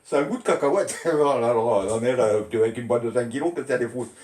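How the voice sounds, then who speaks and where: A man's voice: mid-range voice, fairly even intonation, fast, darkish tone. Older man, colloquial storyteller, rambles, laughs often, roomy echo. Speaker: storyteller recalling childhood. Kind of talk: casual reminiscing. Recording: echoey room.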